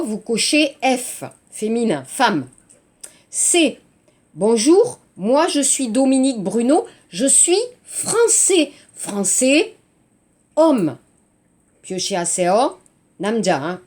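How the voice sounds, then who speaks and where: A woman teaching to Korean learners, slow and clear, often checking in with "hein" and "d'accord". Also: a little high, a little mellow. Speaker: French teacher. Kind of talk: language lesson for Korean learners.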